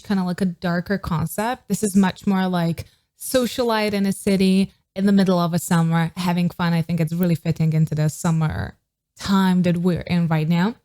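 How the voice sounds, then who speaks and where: A woman's voice: fairly low pitch, darkish tone. A woman vocal coach giving an enthusiastic, casual reaction to a pop song, now and then singing short riffs to show a technique. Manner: enthusiastic, demonstrates sung riffs.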